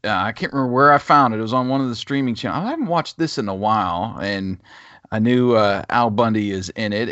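A man co-hosting a podcast, chatting casually and rambling with many pauses and fillers. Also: medium pitch, fairly bright tone, dry recording, highs cut off. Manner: rambling, hesitant, lots of fillers. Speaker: podcast co-host. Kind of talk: casual chat.

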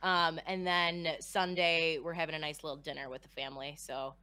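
A woman's voice: deep voice, little pitch movement, normal speed, sharp tone, smooth. A woman of about thirty chatting on a podcast, earnest and joking. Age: 30s. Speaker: co-host. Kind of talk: casual podcast chat.

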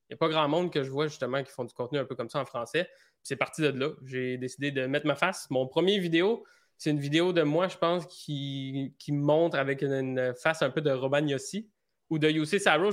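Higher-voiced Québécois man, relaxed guest. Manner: relaxed, hesitant with fillers. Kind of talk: casual interview chat.

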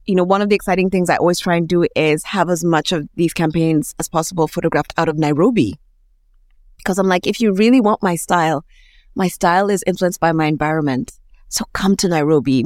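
A woman's voice: lowish voice, darkish tone, no echo, clean studio sound. A woman with a Kenyan accent speaking reflectively and expressively as an interview guest.

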